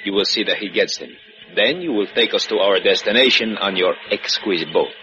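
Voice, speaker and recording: In a 1950s radio adventure, a male actor plays a suave, Cuban-based revolutionary gunrunner as a deep, courtly villain with a Spanish accent, falsely courteous and mocking in his politeness. He delivers lines unhurriedly with lively intonation and light acting, carrying a faintly amused menace. The dull recording has music behind it.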